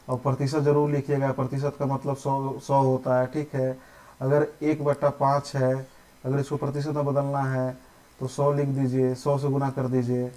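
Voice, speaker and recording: A young adult man teaches a live online maths lesson at a middle pitch. He walks through each step slowly, repeats himself for beginners and keeps checking in with his students. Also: a little mellow, rough recording. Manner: patient, repeats steps, says "ठीक है" often.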